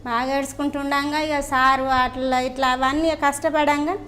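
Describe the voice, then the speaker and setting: High-pitched woman with a telangana accent, earnest and pleading as she tells an interviewer her story. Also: flat delivery, normal speed, fairly bright tone, a little hiss or hum. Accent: Telangana Telugu. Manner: earnest pleading recounting, repeatedly addressing the interviewer as sir. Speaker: crime victim's wife interviewed. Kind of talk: emotional first-person account.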